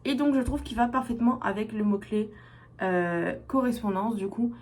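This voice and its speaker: A woman from France chatting casually as a book vlogger, often pausing with fillers as she lists her reading picks. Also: fairly high pitch, a little mellow. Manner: hesitant, many filler pauses. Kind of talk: casual book haul chat.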